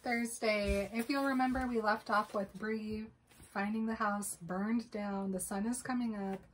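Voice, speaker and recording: A woman co-hosting a podcast, summarizing plot briskly and adding dry, wry asides. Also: medium pitch, steady tone, a little hiss or hum, low-quality recording. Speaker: podcast co-host. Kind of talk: casual book-club chat.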